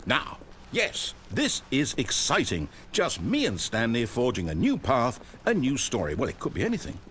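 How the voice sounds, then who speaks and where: A man's voice: medium pitch, huge pitch swings, normal speed, a bit bright, slight background noise. A man with a British accent voicing a fussy, pompous video game narrator who talks in a wordy, grandly dramatic way. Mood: coaxing.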